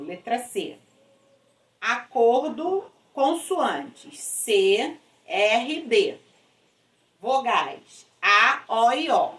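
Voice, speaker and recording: A woman's voice: fairly high pitch, a bit bright, distant mic. A woman teacher, patiently explaining a worksheet and spelling out letters and syllables one by one. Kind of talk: recorded school lesson. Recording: echoey room, voice away from mic.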